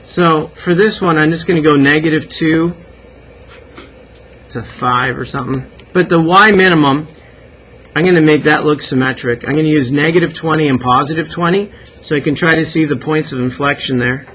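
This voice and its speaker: A man's voice: on the high side, moderate pace, fairly bright tone, slight background noise, rough recording. A man with a Canadian accent teaching a calculus class, encouraging and asking his students many questions. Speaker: math teacher. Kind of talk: classroom lecture.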